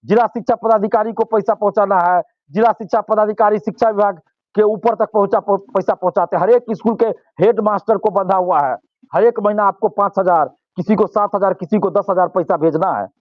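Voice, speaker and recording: A man's voice: sits high, a little fast, no echo, lo-fi sound. A male student leader, giving impassioned interview answers and repeating phrases for force.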